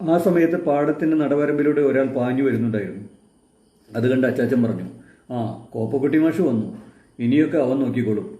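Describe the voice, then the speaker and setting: A man reading a short story aloud at a steady, measured pace, streamed live with a roomy sound. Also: medium pitch, phone-quality sound. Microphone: livestream. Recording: roomy echo.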